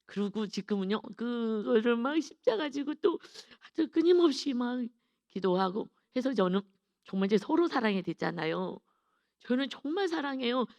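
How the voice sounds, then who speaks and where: A woman's voice: on the high side, animated, moderate pace, vocal fry, a little mellow, no echo, highs cut off. A middle-aged woman pastor giving an earnest, confessional dawn sermon with emphatic stresses.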